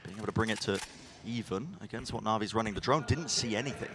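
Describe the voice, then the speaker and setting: A man's voice: on the low side, quick pace, background noise. A man working as an esports caster, calling live play in urgent, clipped running commentary.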